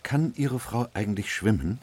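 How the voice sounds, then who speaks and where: Earnest doctor-narrator for radio play: low, expressive range, measured and reflective. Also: male voice, husky. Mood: probing. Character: Doctor Watson, earnest male doctor and troubled narrator. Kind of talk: radio drama narration and dialogue.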